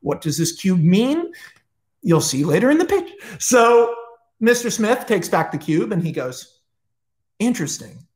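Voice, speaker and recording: A man retelling a story in a casual, excitable way, swearing often and saying "like" a lot. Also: sits high, a little slow. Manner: excitable, profane, full of "like". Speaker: host retelling a film pitch.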